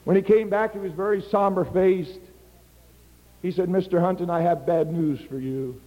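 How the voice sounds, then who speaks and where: Older male missionary preacher, lively storyteller, high voice, echoing sanctuary. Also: moderate pace, highs cut off. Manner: animated storyteller acting out dialogue. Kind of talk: sermon with personal storytelling.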